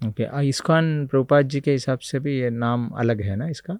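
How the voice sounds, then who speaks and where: Male interviewer, mid pitch, dry close recording; teasing, probing, keeps the guest talking. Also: normal speed, a little mellow, no room sound. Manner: playfully challenging questions, frequent listening sounds. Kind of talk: casual interview.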